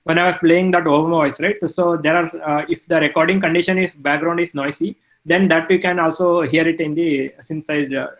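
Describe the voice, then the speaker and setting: A male lecturer giving a technical talk, halting with many fillers. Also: on the high side, fairly even intonation, fairly bright tone, poor audio.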